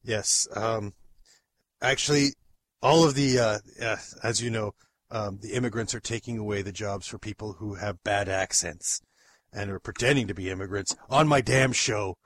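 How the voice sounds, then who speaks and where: A man's voice: fairly low pitch, normal speed, a bit bright, no echo. A man playing an exasperated, bossy radio talk show host in a comedy sketch.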